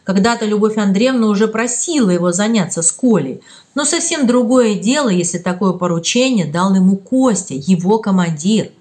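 A woman narrating a children's story as an audiobook, reading in an expressive storytelling way. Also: mid-range voice, moderate pace.

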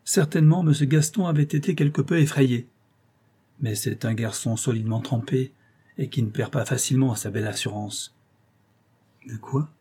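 A man narrating a classic novel as an audiobook, in a measured, even storytelling delivery. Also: mid-range voice, slightly rough.

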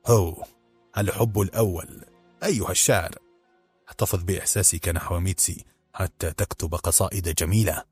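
A man's voice: low-pitched, a little fast, a little mellow, breathy edge, no room sound, soft background music. A man voicing a jovial, worldly aristocratic prince who talks in a hearty, teasing, confident way.

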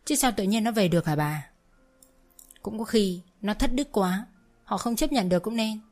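A woman's voice: medium pitch, normal speed, a little mellow, faint music behind, pitched above the performer's own voice, close to an everyday voice. A woman voicing spiteful village gossips who make snide remarks in a drawling way in a told story.

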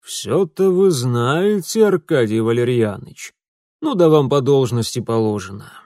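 A man's voice: medium pitch, lively intonation, a little slow, warm tone, dry recording, clean studio sound, lightly acted. A man voicing a shrewd, wry middle-aged detective father. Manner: wry, businesslike.

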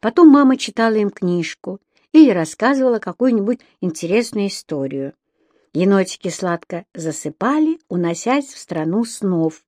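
A woman narrating a children's bedtime story in a slow, gentle way. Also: mid-range voice, lively intonation, no echo, clean studio sound.

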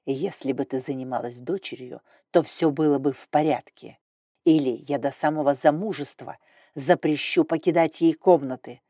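A woman's voice: extremely low pitch, a little slow, mellow, husky, no echo, studio quality, voice pushed down, full character voice. A woman reading an audiobook, voicing a stern, domineering male dragon lord with an icy, growling manner. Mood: threatening.

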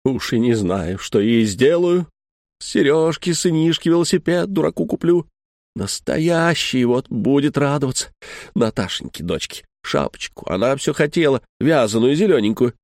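A man reading a first-person story aloud with emotional, shifting delivery, often sinking to hushed tones. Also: mid-range voice, expressive, moderate pace, no echo, clean studio sound. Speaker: story reader.

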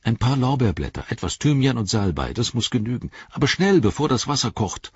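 A man's voice: mid-range voice, big pitch swings, brisk, breathy edge, no room sound, lo-fi sound, pitched above the performer's own voice. A man voicing a blunt, grumbling male hobbit servant. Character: stout-hearted gruff male hobbit servant. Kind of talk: audiobook character voice.

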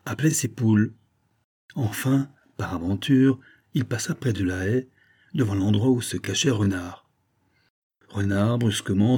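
A man narrating a storybook tale in a measured, expressive reading. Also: on the low side, slightly rough.

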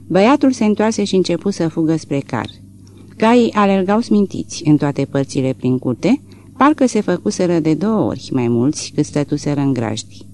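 A man narrating a novel as an audiobook, expressive and rising and falling with the action, on a close studio mic. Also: fairly high pitch, a little hiss or hum. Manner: expressive, rises and falls with the action. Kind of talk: scripted literary narration.

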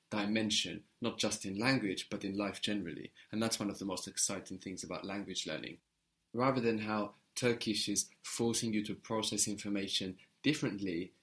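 A man teaching a language lesson, patiently explaining and drilling words slowly with a student. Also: lowish voice.

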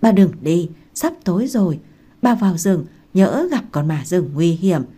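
A woman reading aloud and voicing a meek young pregnant daughter-in-law who asks softly and pleads. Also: lowish voice, very animated, measured pace, husky, exaggerated voice. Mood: pleading. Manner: soft, pleading, curious.

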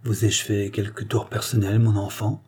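A man doing a soft-spoken, dignified queen. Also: medium pitch, moderate pace, breathy edge, voice pushed up, natural voice. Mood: gentle. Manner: soft, sweet and majestic. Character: gentle, dignified queen, middle-aged woman.

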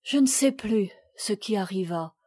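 A woman reading the part of a little girl who sadly recounts a shipwreck, in a gentle, measured voice. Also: mid-range voice, animated, breathy edge. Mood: sad, earnest. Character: little girl recalling a shipwreck, sad and earnest. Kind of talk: audiobook reading.

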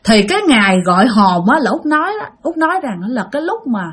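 A woman with a Southern Vietnamese accent tells a spooky tale. Her voice sits a little high and swings widely in pitch, with a husky, breathy grain. She talks to her listeners directly, like she is chatting with friends. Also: sing-song, quick pace, a bit bright. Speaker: storyteller. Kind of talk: spoken ghost-story narration.

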